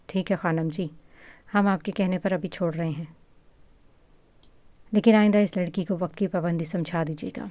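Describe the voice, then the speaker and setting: A woman's voice: on the low side, steady tone, pauses often, warm tone, no echo, lightly acted. A woman voicing a stern, scolding old male clan patriarch in a read-aloud story. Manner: harsh, scolding.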